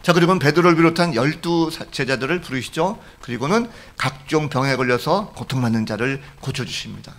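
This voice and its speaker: Middle-aged pastor guy preaching, tells funny stories, does the voices of people in them, normal pitch. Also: expressive, a little fast, few pauses, fairly bright tone. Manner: storytelling with jokes, acting out quoted voices. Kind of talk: sermon. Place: church sanctuary.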